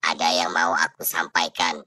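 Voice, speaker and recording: A woman voicing the teasing ghost of a dead husband, speaking low and drawn out. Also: wildly swooping pitch, gravelly, fairly bright tone, husky, dry recording, clean studio sound, full character voice. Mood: pleading. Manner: slow, deep, drawn-out.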